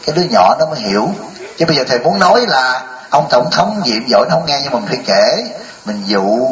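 A man's voice: medium pitch, reverberant, low-quality recording. A man, a Buddhist monk teacher, giving a dharma talk that mixes humor with lecturing and speaks straight to the audience. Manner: addresses the audience directly, mixes jokes with lecture.

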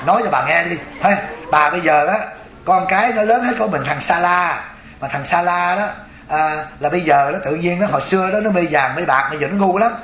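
A man's voice: high voice, brisk, a bit bright, roomy sound, a little hiss or hum. A man voicing a wealthy, scheming old woman, talking in a wheedling, chatty way. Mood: coaxing.

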